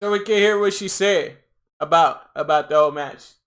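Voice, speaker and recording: A young man hosting a casual livestream reaction, excitable and rambling, repeating himself and talking to his chat. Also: a little high, moderate pace. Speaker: livestream host.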